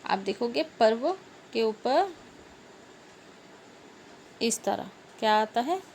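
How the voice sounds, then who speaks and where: A woman teacher speaks slowly and patiently, in a fairly high voice. She spells words out, repeats them and keeps checking with her pupils. Faint noise sits behind her. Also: animated, a little mellow. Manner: slow, repeats words and asks the class questions. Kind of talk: grammar lesson for schoolchildren.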